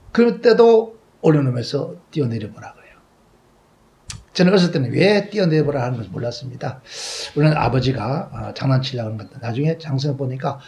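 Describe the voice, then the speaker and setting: Male pastor, sermon storyteller, acts out dialogue, wide loud-to-soft swings. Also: medium pitch, a little hiss or hum. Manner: swings between loud exclaims and soft trailing asides.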